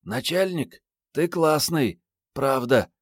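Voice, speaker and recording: A man's voice: on the high side, expressive, takes it slowly, dry recording, studio quality, voice pushed up. A man voicing a brash, sassy young woman in an audiobook, with mocking, coarse banter. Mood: tender.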